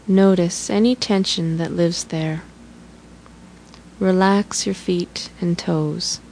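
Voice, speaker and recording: A woman leads a guided relaxation in a soothing, instructional manner. Her voice sits a little low and moves at a very unhurried pace. A faint hiss lies under the recording. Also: fairly even intonation, a little mellow, poor audio.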